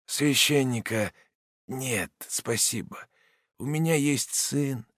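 A man voicing a dying old worker who speaks weakly to his son, halting and breaking off mid-word. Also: mid-range voice, a bit bright, no room sound, studio quality, voice pushed up. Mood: feeble. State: weak, fading breath. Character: dying old male worker, weak and solemn father.

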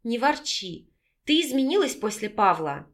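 A lively young woman who teases her friend in a brisk way, read by a woman. Her lines run quick and light. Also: a little high.

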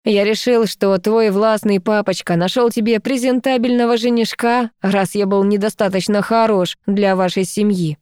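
A woman's voice: mid-range voice, fairly even intonation, moderate pace, few pauses, darkish tone, smooth, dry recording, clean studio sound, natural voice. A woman voicing a brash, jealous young man who talks in a hysterical, mocking way in an audiobook. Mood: taunting.

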